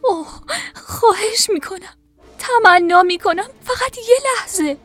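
A woman's voice: very high-pitched, soft background music, pitched above the performer's own voice. A woman voicing a frightened young wife in a storybook, pleading and tearful. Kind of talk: storybook reading.

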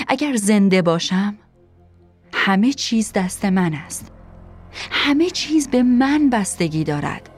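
A woman reads a first-person audiobook in a quiet, measured, reflective manner. Her voice sits at a medium pitch. Soft music plays faintly behind her. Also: no echo. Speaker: audiobook narrator.

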